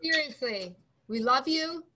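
Bright, excitable woman co-host. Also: high-pitched, unhurried. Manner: excitable and playful, with gushing reactions. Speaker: podcast co-host. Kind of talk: casual chat.

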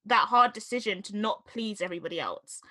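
Young British woman host, bright clear voice, chatty storyteller. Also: medium pitch, brisk. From London, England. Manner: chatty, storytelling with quoted inner thoughts. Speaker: interviewer. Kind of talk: casual interview chat.

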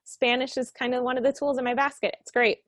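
A woman's voice: sits high, little pitch movement, fast, dry recording. A woman in her forties from Colombia, a guest author talking casually and with enthusiasm in an interview. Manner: upbeat, enthusiastic.

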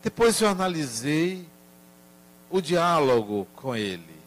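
An older grandfather telling a family story and reflecting on it in a deliberate, gentle way. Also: fairly high pitch, sing-song, rough recording.

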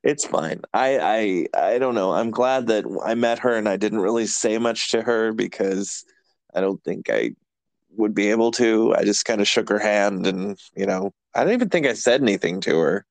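A man's voice: lowish voice, normal speed, vocal fry, no room sound. A man hosting a podcast, chatting casually in a rambling, self-deprecating way and laughing often. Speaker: podcast host. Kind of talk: casual chat.

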